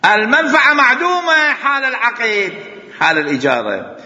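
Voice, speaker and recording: A man with an Iraqi Arabic accent lectures on law in a high, bright voice that swings widely in pitch. He keeps answering his own rhetorical questions and repeating key terms. The sound is dull and lo-fi, with the long echo of a hall. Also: normal speed. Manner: lively, explains through rhetorical questions and repetition. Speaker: teacher of Islamic jurisprudence. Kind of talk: classroom lecture.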